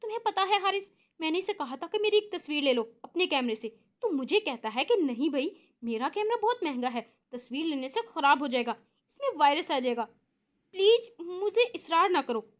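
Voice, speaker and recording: A woman voicing a fiery, quick-tempered young woman. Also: big pitch swings. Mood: complaining. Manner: indignant, scolding, shrill outbursts.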